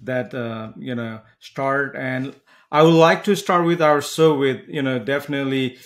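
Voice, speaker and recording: A man from Nepal, hosting an interview podcast and talking earnestly with frequent fillers. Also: medium pitch. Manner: earnest, halting with many fillers. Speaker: podcast host.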